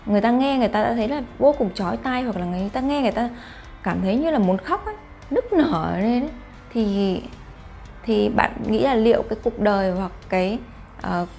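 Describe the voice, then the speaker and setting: With a creaky, darkish, mid-range voice, a woman vlogger addresses her audience on camera about face reading. Her manner is casual, and she keeps asking viewers rhetorical questions.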